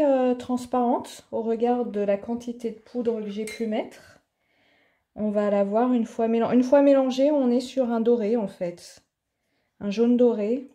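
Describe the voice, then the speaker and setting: A woman's voice: fairly high pitch, warm tone. A woman hosting an art tutorial in her home office, chatting casually and thinking aloud with plenty of fillers as she demonstrates.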